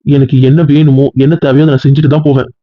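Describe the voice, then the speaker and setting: Insistent fast-talking young man. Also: medium pitch, little pitch movement, dry recording. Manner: insistent, stubborn, often raising his voice. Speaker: husband in a couple skit. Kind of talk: comic couple skit. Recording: dull lo-fi audio.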